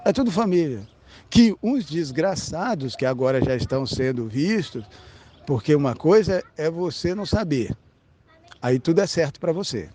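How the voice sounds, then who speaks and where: Here an esoteric spiritual speaker with a Brazilian Portuguese accent rambles on bluntly and emphatically, dropping casual profanity and addressing the listener directly with many a "tá?". His fairly high, dark-toned voice has lively intonation at normal speed, with a little hiss or hum in the recording.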